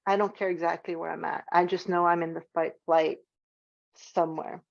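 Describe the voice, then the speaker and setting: A woman's voice: on the low side, level tone, brisk, creaky, highs cut off. A woman presenting an online workshop in a casual, informal way, using lots of "like" as a filler, nervous about speaking in public.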